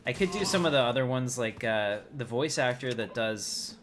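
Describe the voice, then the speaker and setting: This livestream host rambles through casual commentary, thinking aloud as he plays a game. His medium-pitched voice is animated and moves at a moderate pace. The recording has clearly noisy background sound.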